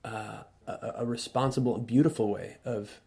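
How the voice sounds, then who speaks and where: A man guesting on a radio show in the studio speaks in a loud, mid-range voice with a steady tone and vocal fry. Earnest and reflective, he talks conversationally but haltingly, often restarting his sentences.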